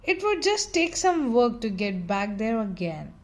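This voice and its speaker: A woman reading a children's picture book aloud in a gentle, expressive storytelling manner. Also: on the high side, unhurried.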